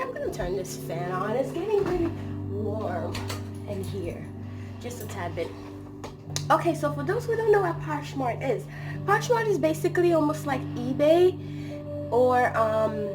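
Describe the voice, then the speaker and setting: A woman hosting her own vlog while hoarse from a cold, her voice raspy, talking in a rambling, chatty way full of fillers in a room at home. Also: on the high side. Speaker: channel host. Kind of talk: casual vlog chat. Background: soft music playing.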